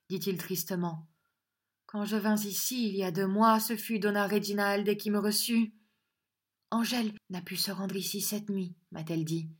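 A woman's voice: medium pitch, close to an everyday voice. A woman voicing a tender young nobleman, speaking in earnest, courtly lament.

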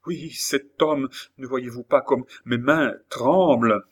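A man voicing a terrified young woman in an audiobook, pleading in a frantic, high voice. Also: measured pace, fairly bright tone. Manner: breathless, high-pitched frightened pleading. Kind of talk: audiobook character voice.

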